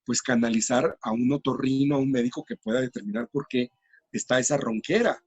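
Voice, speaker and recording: A man's voice: mid-range voice, brisk, darkish tone, husky, dry recording. A middle-aged man, a teacher trainer explaining classroom practice patiently in an interview.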